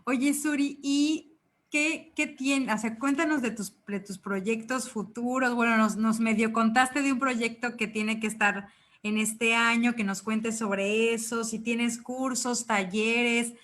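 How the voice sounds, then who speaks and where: A woman's voice: on the high side, steady tone, slow pace, fairly bright tone. A woman interviewer asking her guest questions in a friendly, casual way. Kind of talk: casual video-call interview.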